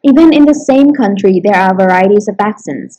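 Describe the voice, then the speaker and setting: A woman co-hosting a casual chat, patiently explaining pronunciation with examples in Thai and slow English. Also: medium pitch, expressive, dark tone, muffled recording. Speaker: co-host. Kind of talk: casual bilingual podcast chat.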